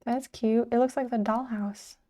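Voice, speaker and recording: A woman's voice: on the high side, fairly even intonation, normal speed, dark tone. A woman live streamer chatting casually while sleepy and yawning, rambling and swearing offhandedly.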